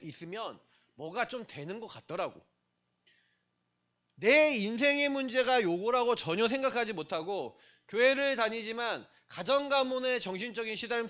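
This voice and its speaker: Middle-aged man, pastor at a church, conversational youth sermon; pitched high, very expressive. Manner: conversational, questions the listeners directly. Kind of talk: sermon to young people.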